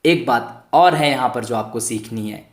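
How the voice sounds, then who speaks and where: A man's voice: medium pitch, moderate pace. A man tutoring young pupils in an online lesson, asking the class questions and answering them himself, sounding out words letter by letter. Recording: echoey room.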